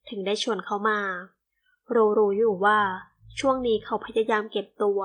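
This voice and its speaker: A woman narrating a novel in a steady, measured reading voice. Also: mid-range voice. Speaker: audiobook narrator.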